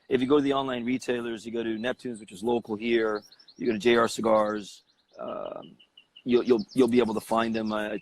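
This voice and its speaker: A man from Cuba, a cigar company president, talking as an interview guest in a confident, persuasive way. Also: medium pitch.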